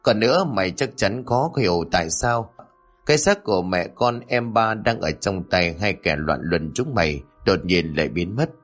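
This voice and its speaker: A man's voice: low-pitched, animated, moderate pace, faint music behind. A man voicing a cold, accusing masked woman who confronts the wrongdoers in a horror story.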